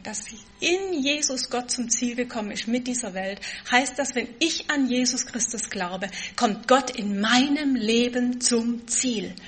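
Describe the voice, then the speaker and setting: A woman preaching a sermon, stressing key words with force and then dropping to a soft, quiet tone. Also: fairly high pitch.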